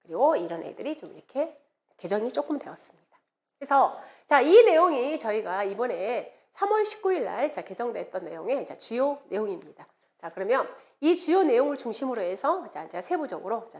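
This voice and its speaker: A woman's voice: fairly high pitch, very animated, brisk, darkish tone. A middle-aged woman instructor giving an online exam prep lecture, repeating key words and chanting playful memory aids.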